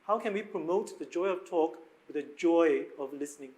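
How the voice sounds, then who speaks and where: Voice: mid-range voice, normal speed, a little mellow. A panel moderator, linking the discussion and reading out questions.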